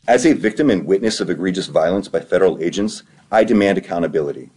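A man delivers a prepared statement in a forceful, demanding way. His voice is very deep, with a husky edge. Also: expressive, fast talker. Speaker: interviewee making a statement.

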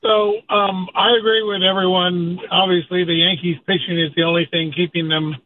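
A man phones in to a talk radio show, and his voice reaches the studio through a narrow, tinny phone line. He speaks in a fairly high register. His talk is loose and casual, and he keeps snagging on repeated words before each point gets going. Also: level tone, a little hiss or hum. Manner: halting, repeats words when starting sentences. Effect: phone line call-in audio. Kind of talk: casual call-in sports talk.

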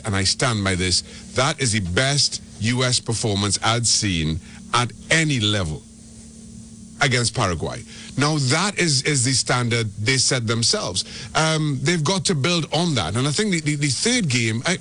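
A man from Trinidad and Tobago appears as a guest on a sports radio show, analyzing soccer in a medium-pitched, sharp-toned voice. He often repeats and restarts words as he makes his points, and the recording carries a little hiss or hum.

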